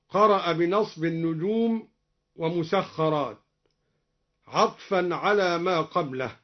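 A man explaining variant readings of the Quran, alternating plain explanation with slow melodic recitation. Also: on the high side, highs cut off.

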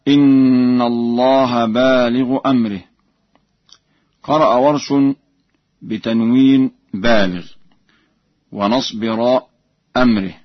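A man teaching Quran reading variants, explaining calmly and chanting the verses slowly as examples. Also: medium pitch, no room sound, highs cut off. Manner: measured explanation broken by slow chanted verses.

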